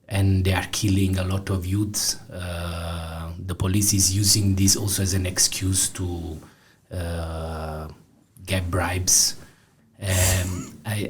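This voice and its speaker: A man in his forties, a film director from southern Italy, speaks with a Neapolitan Italian accent as a guest in a studio interview, full of fillers and restarts. His voice is low-pitched and darkish, over slight background noise.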